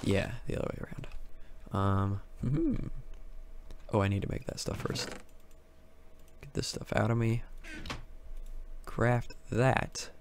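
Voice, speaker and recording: A man's voice: fairly low pitch, slow, pauses often, slight background noise. A man casually commenting on his Minecraft game, talking to himself and the mobs, with frequent exclamations. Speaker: gaming YouTuber.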